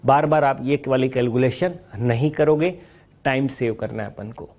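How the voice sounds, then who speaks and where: A man's voice: mid-range voice, normal speed, darkish tone. A man teaching a physics lecture, mixing Hindi and English, explaining step by step and asking and answering his own questions.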